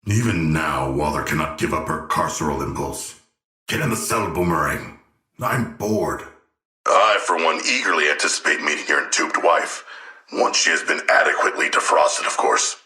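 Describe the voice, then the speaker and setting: A man's voice: a bass voice, expressive, moderate pace, pushed and bright, roomy sound, heavily acted. An actor playing a huge, earnest and naive shark-man royal in a video game, speaking in stilted, formal and solemnly literal language. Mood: bored, imperious. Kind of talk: scripted game character voice lines.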